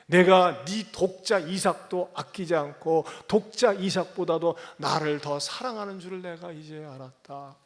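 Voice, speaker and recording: Man voicing God, slow and grave. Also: a little high, natural voice. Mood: solemn. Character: God speaking, solemn and commanding. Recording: echoey church hall.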